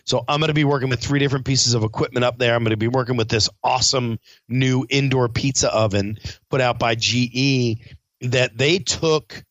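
A chef who also hosts a podcast gives a casual spoken recap in a mid-range, brisk voice with fairly even intonation and a fairly bright tone. He rambles, full of fillers and restarts, and sounds a bit stuffed up from a cold. The audio is dull but has no echo.

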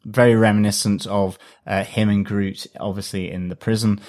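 A man's voice: lowish voice, level tone, moderate pace, darkish tone. A man co-hosting a podcast, talking enthusiastically about a favourite film character in casual chat. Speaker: podcast co-host.

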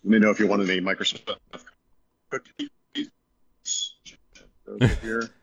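A man's voice: lowish voice, little pitch movement, rapid-fire, creaky, slightly rough, no room sound. A man co-hosting a casual show, rambling and joking while he walks through a venue on a spotty phone connection, out of breath. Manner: rambling, joking, laughs often. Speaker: co-host giving a venue tour. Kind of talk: casual chat. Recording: dull lo-fi call audio.

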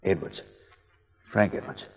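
A man's voice: unhurried, a little mellow, in a large hall, highs cut off, natural voice. An actor playing a wounded man on the run who pleads for help, stammering and weak from his injuries. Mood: weary. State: weak and hurt. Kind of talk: 1940s radio acting.

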